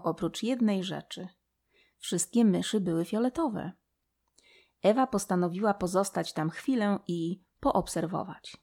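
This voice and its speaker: A woman narrating a children's story in an expressive, steady reading. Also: lowish voice.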